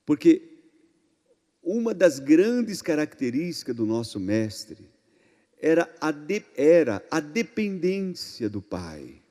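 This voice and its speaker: Emphatic Brazilian pastor in echoing hall. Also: male voice, on the high side, sing-song, takes it slowly. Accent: Brazilian Portuguese. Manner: emphatic, swinging between loud and hushed. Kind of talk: sermon. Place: church hall. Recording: long reverb in a church hall.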